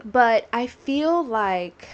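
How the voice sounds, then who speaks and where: A woman in her twenties hosts a solo podcast, rambling casually through tangents and using many fillers. Her voice is on the high side, and the audio sounds dull.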